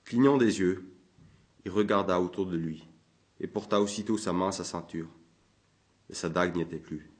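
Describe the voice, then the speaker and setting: Homme grave lisant un roman. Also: male voice, sits low, moderate pace, pauses often. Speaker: audiobook narrator. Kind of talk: scripted narration.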